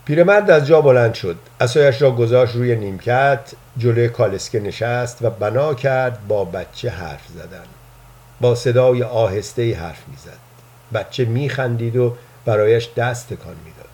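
A man narrating a first-person story in a calm, measured reading voice. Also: medium pitch.

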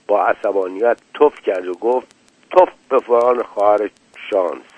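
A man narrating a story and speaking the characters' street-slang lines in a casual, lively way. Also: fairly low pitch, no echo. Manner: colloquial Tehrani street slang in dialogue. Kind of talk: storybook reading with character voices. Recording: tinny phone-like dry recording.

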